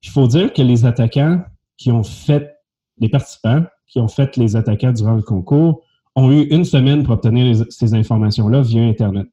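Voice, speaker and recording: A man's voice: medium pitch, moderate pace, warm tone, dull audio. A man hosting a podcast, asking interview questions in a hesitant way with frequent fillers. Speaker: podcast host.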